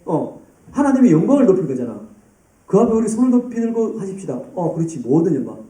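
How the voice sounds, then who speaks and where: Male youth pastor, lively sermon, dark mellow tone, echoey church hall from a distance. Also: high-pitched, quick pace. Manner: lively, addresses students by name and acts out scenes.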